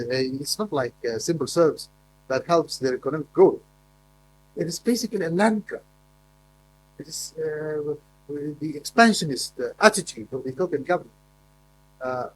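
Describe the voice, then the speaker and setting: In a conference hall, a man whose voice runs on the high side delivers a formal talk with plenty of emphasis. He often uses fillers and repeats words. The recording is rough.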